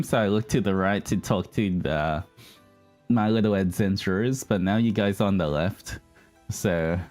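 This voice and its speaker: A man with a low, slightly mellow voice hosts a livestream as a virtual streamer. He chats casually and ramblingly with his viewers, whom he calls guys, as background music plays.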